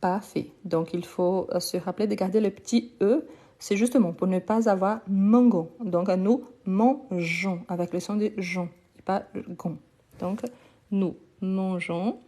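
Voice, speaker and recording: A woman's voice: medium pitch, normal speed, dark tone. A woman teaching French on a live online lesson. She speaks patiently, repeats each word and often praises her learners.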